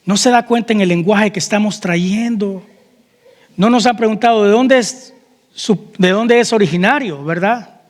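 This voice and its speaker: A man's voice: sits high, normal speed, big-room sound. A man preaching a sermon as pastor, asking the congregation questions and calling out amen. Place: church hall.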